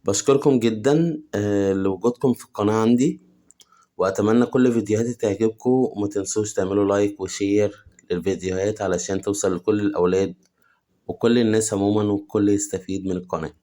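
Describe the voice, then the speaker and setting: An Egyptian man with an Egyptian Arabic accent teaches English vocabulary in a slightly low voice. He reads each English phrase slowly and clearly, then gives the Arabic meaning quickly. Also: fairly even intonation, warm tone. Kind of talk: vocabulary lesson.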